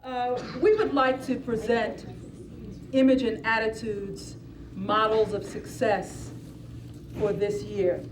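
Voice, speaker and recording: A woman event presenter gives a formal announcement in a slow, deliberate manner. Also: a little high, steady tone. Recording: distant mic with background noise.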